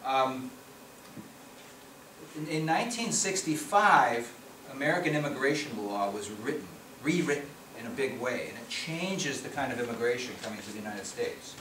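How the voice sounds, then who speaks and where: Bright and forceful, with lively intonation and medium pitch, a middle-aged policy researcher from the Chicago area talks at a normal speed through his slides in a conference meeting room. His conversational delivery features frequent restarts and repeated words, and the sound was captured from far off in a noisy, echoey room.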